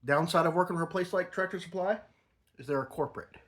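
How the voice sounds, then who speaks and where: A grandfather, middle-aged or older, talks at a quick pace in a slightly high voice with a fairly bright tone. Chatting and rambling like a home reviewer, he's a product reviewer speaking with a lip full of dip.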